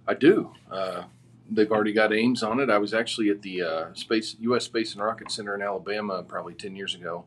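A man as a podcast guest, giving relaxed, rambling answers with many fillers. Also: fairly low pitch, quick pace, a little hiss or hum. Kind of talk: casual interview answers.

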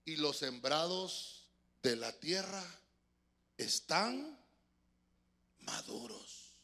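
A man preaching a fervent sermon in church, swinging from shouts to soft asides. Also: high voice, expressive, normal speed, vocal fry. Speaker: pastor.

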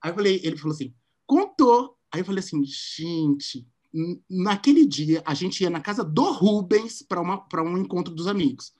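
A man, hosting a podcast and telling a story in a casual, animated way. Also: sits high, moderate pace. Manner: animated, acts out quotes in shifting voices. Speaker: podcast host.

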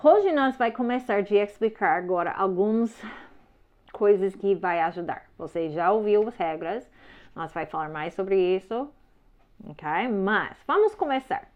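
This woman's medium-pitched voice is animated and a little slow. She gives an instructional talk to parents, firm and simple, with slightly broken phrasing and frequent check-ins with her listeners. The lo-fi audio is slightly dull.

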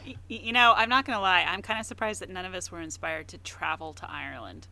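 A woman's voice: lowish voice, quick pace, creaky, background noise. An American woman co-hosting a book podcast, chatting casually and telling a travel story. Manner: storytelling, relaxed. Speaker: podcast co-host.

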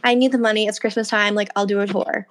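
A woman's voice: mid-range voice, flat delivery, fast. A young woman co-hosting a casual chat, telling anecdotes by acting out who said what, with plenty of "like". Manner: anecdotal, acts out quoted exchanges, frequent "like". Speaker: podcast co-host.

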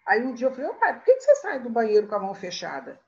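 A woman's voice: fairly high pitch, huge pitch swings, rapid-fire. Older woman reminiscing, muffled sound. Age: 60s. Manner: warm reminiscing, laughs often. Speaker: interviewee. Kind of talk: storytelling interview.

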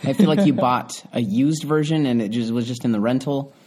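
A young man co-hosting a podcast, easygoing and quick to laugh, with a few stammers. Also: mid-range voice, darkish tone. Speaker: podcast co-host. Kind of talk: casual chat.

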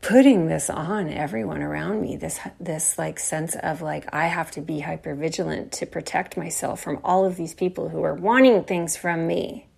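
A woman's voice: low-pitched, normal speed, gravelly, hardly any pauses, a little mellow, breathy edge. A woman hosting a podcast, talking through a casual reflective monologue in a rambling way, full of fillers and calling her listeners y'all. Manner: chatty, addresses listeners as y'all. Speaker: podcast host.

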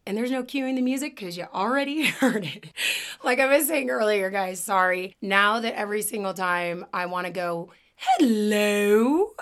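A woman podcast host with a raspy smoker's voice, chatting casually and informally about true crime, with swearing and jokes. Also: mid-range voice, moderate pace, a bit bright.

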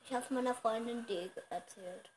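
A woman's voice: fairly high pitch, normal speed. A girl of about nine chatting on a podcast with her older sister, playful and teasing. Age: child, about 9. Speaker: co-host. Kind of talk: casual kids' podcast chat.

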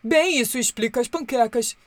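Impatient storybook father, gruff and hushing; a woman reader plays him. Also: on the high side, moderate pace, dry recording, close to an everyday voice.

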